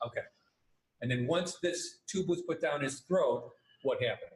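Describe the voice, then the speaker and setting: A man questioning a witness as an attorney, measured and methodical, heard in a courtroom recording. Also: fairly high pitch, reverberant, a little hiss or hum, rough recording. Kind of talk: courtroom examination.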